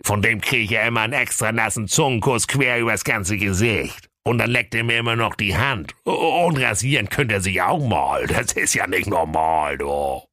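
A man's voice: on the low side, expressive, moderate pace, few pauses, pushed and bright, no room sound, clean studio sound. A man voicing a chatty, fussy king who complains in a casual, confiding way in a comic fairy-tale reading. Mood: grumbling confiding.

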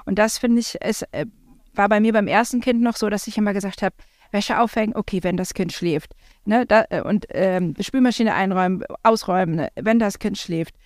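A mid-pitched woman talks as a parent in a casual, reflective way, often pausing on fillers. Her voice sounds dry and close, with no room around her. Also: a little mellow, no room sound. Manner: chatty, reflective, with frequent fillers. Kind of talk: casual conversation.

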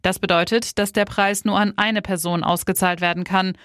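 A woman's voice: mid-range voice, fairly even intonation, moderate pace, a bit bright, dry recording. Woman reading news, dry studio sound. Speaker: news presenter. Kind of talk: scripted news narration.

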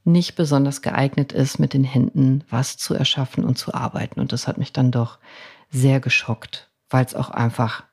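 A woman's voice: very deep voice, flat delivery, normal speed, husky. A middle-aged woman, a doctor and mother, tells a personal story in a reflective, conversational way with frequent restarts. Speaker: podcast host.

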